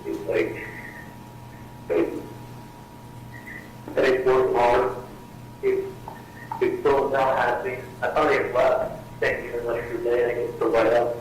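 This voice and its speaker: A man talking from jail on a prison phone call, rambling and halting with lots of fillers. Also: mid-range voice, completely flat delivery. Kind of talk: casual phone conversation. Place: jail cell. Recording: distant echoey jail phone line with faint noise.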